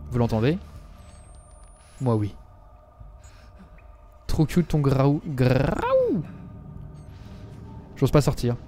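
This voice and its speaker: Mellow and medium in pitch, this young man speaks slowly with frequent pauses as he streams a game live. He chats to viewers and characters alike, and scares send him into dramatic yelps.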